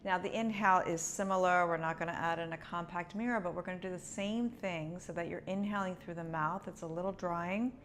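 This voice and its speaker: A woman's voice: lowish voice, fairly quick, few pauses, a little hiss or hum. A woman teaching yoga breathing, guiding step by step in a conversational, explanatory way. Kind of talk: instructional breathing lesson, guiding along.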